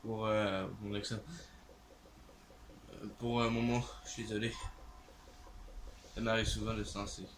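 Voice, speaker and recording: This let's play features a Québécois-accented gaming host whose fairly low voice barely shifts in pitch. He's unhurried, leaving long pauses as he thinks aloud hesitantly with many fillers, against slight background noise.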